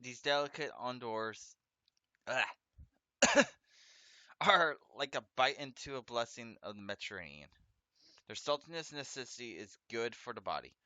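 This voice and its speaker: A man with a slight lisp and a bright, forceful voice chats his way through a game, reading its lines aloud. His S and R sounds come out a little off, and he trips over foreign words and corrects himself. The recording is dry and close, with no room sound. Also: medium pitch, very animated, moderate pace, long pauses, no room sound, highs cut off. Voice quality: speech impediment, trouble with S and R sounds, a slight lisp. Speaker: let's play host. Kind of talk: casual gameplay commentary, reading game text aloud.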